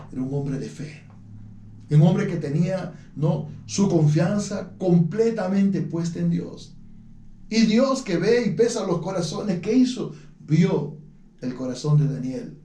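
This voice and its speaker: A man delivers a sermon, reading scripture and then explaining it to the congregation. His voice sits a little high, with a mellow tone. It is picked up from a distance in a roomy, echoing church hall. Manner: reads scripture aloud then explains it, with frequent tag questions. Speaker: preacher. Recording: roomy, echoey sound from a distant mic.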